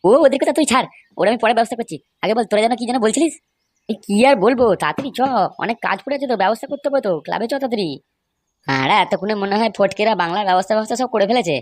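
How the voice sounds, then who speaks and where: Woman, crude comic cartoon voices, rapid-fire coarse banter, fairly high, dry close sound. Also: lively intonation, no room sound. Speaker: voice actor voicing several cartoon men.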